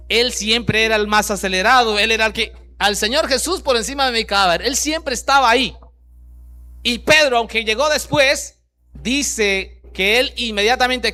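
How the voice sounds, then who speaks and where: A pastor with a high voice delivers a sermon, alternating loud bursts with near-whispered lines. He reads passages of scripture and pauses to pose rhetorical questions.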